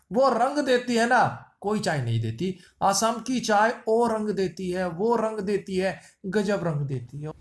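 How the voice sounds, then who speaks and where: A man with a high voice runs through quiz answers, one after another. He ties each answer to a silly pun and repeats it so it sticks. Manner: playful wordplay, repeats lines. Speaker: quiz teacher. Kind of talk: memory-trick quiz lesson.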